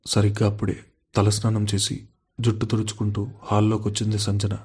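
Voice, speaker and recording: A man reading a family drama story aloud as its narrator, in a steady monotone that keeps the same voice even for the characters' quoted lines. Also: on the low side, breathy edge.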